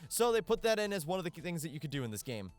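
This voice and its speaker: A chatty man talks through his game playthrough, thinking aloud as he goes. His pitch is animated and lively. The tone is casual let's-play commentary. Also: rapid-fire, soft background music.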